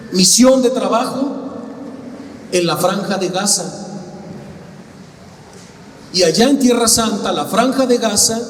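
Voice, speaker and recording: High-voiced man preaching in a hall. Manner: acts out dialogue, asks the audience questions. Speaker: lay preacher. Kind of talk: sermon with storytelling. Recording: roomy hall, from a distance, faint noise.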